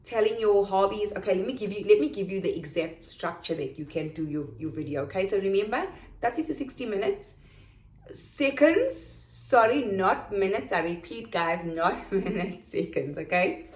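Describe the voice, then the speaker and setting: A woman's voice: mid-range voice, brisk, roomy sound, rough recording. A woman coaching viewers on teaching English online in a casual talk, repeating and correcting herself and calling them guys. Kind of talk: casual instructional video.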